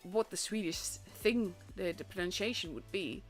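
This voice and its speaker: A lowish female voice at a moderate pace belongs to a young esports caster and streamer from the Netherlands. Speaking with a Dutch accent as a native Dutch speaker, she casually commentates a tournament on her stream, rambling with fillers and restarts over faint stream music.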